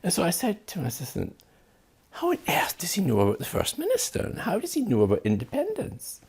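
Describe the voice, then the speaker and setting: Gravelly, raspy man from Scotland. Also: high voice, brisk. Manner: lively, animated storyteller. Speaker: guest. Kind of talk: anecdote in conversation.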